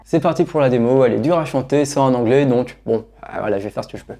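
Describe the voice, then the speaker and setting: French man teaching guitar over loud strumming. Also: medium pitch, quick pace, vocal fry. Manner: relaxed, self-deprecating, counts beats aloud. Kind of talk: casual guitar tutorial, talking and singing. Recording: guitar playing loudly behind the voice. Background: acoustic guitar.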